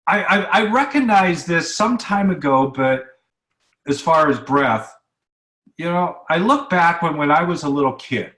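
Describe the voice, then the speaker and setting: A man's voice: fairly high pitch, lively intonation, measured pace, a bit bright, reverberant. A man hosting a radio interview show, chatting casually with lots of fillers and repeated words. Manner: conversational, with many fillers and repeats.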